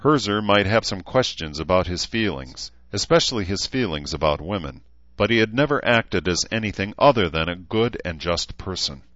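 A man narrating an audiobook in steady, even storytelling, in a slightly muffled recording. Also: sits low, moderate pace, no room sound. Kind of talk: scripted narration.

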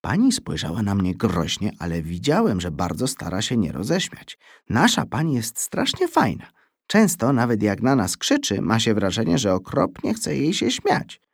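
A man reading a children's story aloud in an expressive storytelling manner. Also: fairly low pitch, normal speed, vocal fry, slightly rough, dry recording, clean studio sound. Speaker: reader.

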